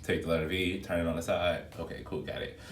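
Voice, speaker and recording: Man, lowish voice, casual talky vlog delivery, recorded on a phone video at a distance in an echoey room. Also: fast, a little hiss or hum. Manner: chatty and expressive, addresses viewers as y'all. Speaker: flight attendant vlogger. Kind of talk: casual vlog chat to viewers.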